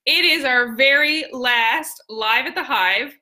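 A woman's voice: high voice, takes it slowly, pushed and bright. A woman with a Newfoundland accent hosting a casual live stream, chatty and exclamatory, with plenty of slang. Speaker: host.

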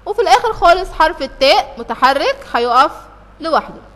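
A woman teacher with an Egyptian Arabic accent leads children through an exam review. She works step by step, asks questions and answers them herself, and recites verses slowly. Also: high voice, very animated, a bit bright, long reverb tail. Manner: recites verses in a slow, drawn-out way.

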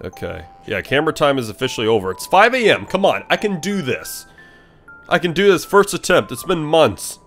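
An animated young man narrating his horror game session, his pitch swinging widely as he mutters and talks to the on-screen characters. Faint game music plays behind him. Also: a little fast. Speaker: gaming channel host. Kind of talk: horror game let's play commentary.

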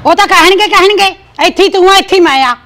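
A woman's voice: very high-pitched, bright, forceful tone. A woman with a Malwai Punjabi accent plays a scolding older village mother who needles her son about his wife. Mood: needling. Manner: scolding, needling, quick retorts. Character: sharp-tongued older village mother-in-law. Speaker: mother in a village family drama. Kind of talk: amateur village drama acting.

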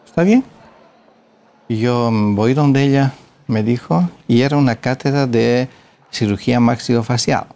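A man's voice: mid-range voice, fairly even intonation, moderate pace, creaky, a little mellow. A middle-aged man, a plastic surgeon, telling a story from his career in an interview, hesitating with filler sounds and retelling the conversations.

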